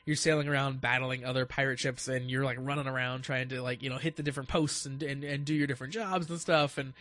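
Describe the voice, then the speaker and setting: A man's voice: medium pitch, steady tone, fast talker, a bit bright. A man hosting a gaming podcast in casual chat, eager, laughing often and stammering through his sentences. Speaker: podcast host.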